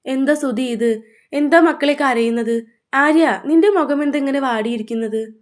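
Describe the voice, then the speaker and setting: Woman as a steady, encouraging elder of the village, firm, slightly high voice. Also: moderate pace, close to an everyday voice. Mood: concerned. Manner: firm, forceful. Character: caring older village man, firm and encouraging.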